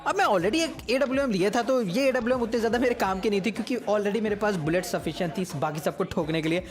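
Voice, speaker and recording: A man's voice: high voice, fast talker. A man commentating over his own mobile game match in a casual, teasing way, with faint music behind him. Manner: chatty, teasing, keeps saying "bhai sahab".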